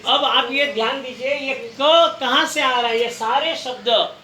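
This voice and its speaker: A man teaches a lesson at an unhurried pace, repeating each syllable so listeners can copy it. His voice is bright and clear. The room around him is echoey, with a faint hum of background noise. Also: very high-pitched. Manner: patient, repeats each sound slowly for the listener to try. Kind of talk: recorded language lesson.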